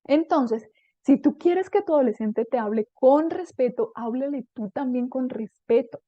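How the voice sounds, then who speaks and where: A woman's voice: high voice, lively intonation, no echo, highs cut off. A middle-aged woman, hosting a parenting podcast and acting out little dialogues as she gives advice. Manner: talkative, acts out dialogues in quick voices. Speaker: podcast host and parenting coach. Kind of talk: podcast talk giving advice.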